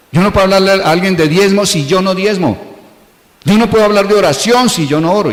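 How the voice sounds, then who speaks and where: A man with a Colombian accent preaching a sermon as pastor, earnest and repetitive, mixing personal anecdotes with exhortation. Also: high-pitched. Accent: Colombian Spanish. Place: large church hall. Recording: echoey church hall with long reverb.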